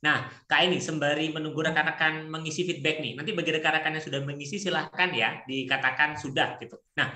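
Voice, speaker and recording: Moderator, brisk, bright tense tone, echoey room on a call. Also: mid-range voice, fairly even intonation. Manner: brisk, reads out audience questions. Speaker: webinar moderator. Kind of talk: webinar moderation.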